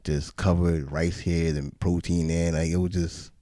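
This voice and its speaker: A man's voice: low voice, level tone, unhurried, warm tone, no echo, studio quality. A man from the United States co-hosting a podcast, talking loosely and slangily in casual chat. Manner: loose slangy talk, says "yo" and "you know what I'm saying". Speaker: podcast co-host.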